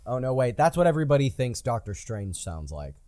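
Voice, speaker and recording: A man hosting a podcast in casual chat, from the United States, rambling and swearing with excitable energy. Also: medium pitch, brisk, no room sound. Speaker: podcast host.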